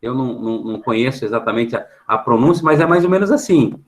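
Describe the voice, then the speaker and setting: A man's voice: mid-range voice, expressive, a little hiss or hum, low-quality recording. A Brazilian man teaching an online class, explaining patiently and checking in with the students after nearly every phrase. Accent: Brazilian Portuguese. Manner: explains patiently, filling pauses with a questioning tag. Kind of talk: online class for middle schoolers. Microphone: computer mic on a video call.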